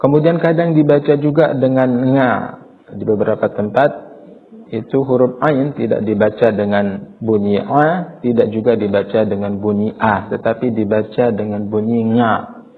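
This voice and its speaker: A man teaching Quran recitation, patiently explaining mistakes and chanting verses slowly as examples. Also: fairly low pitch, big-room sound. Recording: tinny phone-like audio.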